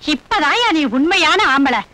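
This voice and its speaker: A nagging comic wife. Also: female voice, high voice, expressive, fairly quick, pushed and bright. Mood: scolding. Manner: scolding, sarcastic. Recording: film soundtrack with music.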